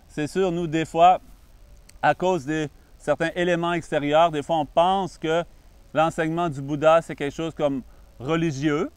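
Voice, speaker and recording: With frequent pauses, a Canadian monk of the Buddhist tradition introduces meditation in a calm, patient way, his Québécois French accent noticeable. The voice runs on the high side, clear and resonant, and there is no room sound.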